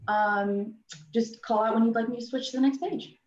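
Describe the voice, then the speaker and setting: A woman moderating a webinar, speaking in a calm, measured, reassuring way. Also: a little high. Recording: dull, roomy, distant mic.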